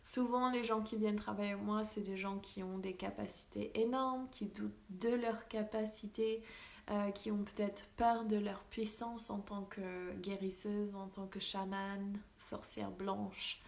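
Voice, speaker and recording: A woman with a Québécois accent, a spiritual healer hosting a live stream in soft, gently enthusiastic casual chat. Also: medium pitch, fairly even intonation, gravelly. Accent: Québécois French. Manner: soft, unhurried, gently enthusiastic with frequent laughs.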